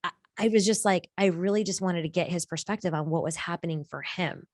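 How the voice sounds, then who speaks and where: A woman guest on a podcast, telling a story with lively voices for the people she quotes. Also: brisk, no echo, clean studio sound. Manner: lively, acts out quoted people with big pitch jumps. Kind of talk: animated storytelling in a podcast chat. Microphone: video call.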